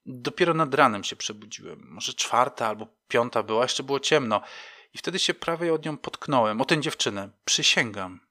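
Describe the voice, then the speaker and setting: A man's voice: medium pitch, animated, moderate pace, bright, forceful tone. A man voicing a timid, ashamed homeless man who speaks in a shaky, hesitant way in an audiobook. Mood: scared, pleading.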